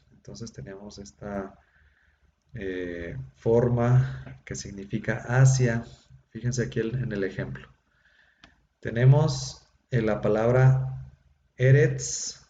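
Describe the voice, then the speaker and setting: Deep-voiced man teaching in echoey room. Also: mellow. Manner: patient explaining, many fillers. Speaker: Biblical Hebrew teacher. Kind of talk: online class lecture. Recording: dull lo-fi echoey room with faint hum.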